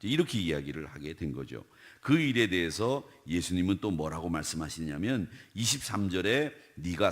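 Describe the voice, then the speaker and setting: Animated male pastor with a lively, swinging voice. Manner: animated, acts out quoted speech with big swings in pitch and loudness; conversational, asks the congregation rhetorical questions. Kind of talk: dawn prayer sermon.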